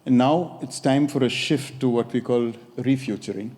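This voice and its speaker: Speaking into a podium microphone in an echoey lecture hall, an Indian-accented design academic from India, in his sixties, delivers a conference talk. He is measured and pausing, with occasional hesitations, and his medium-pitched voice has a darkish tone.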